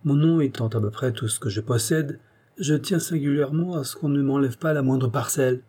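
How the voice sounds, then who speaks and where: A man's voice: mid-range voice, brisk, warm tone, husky, pitched above the performer's own voice, lightly acted. A man voicing a proud, penniless young nobleman who answers with sarcasm. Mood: mocking. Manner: sarcastic, haughty retorts. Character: proud mocking young nobleman, broke debtor.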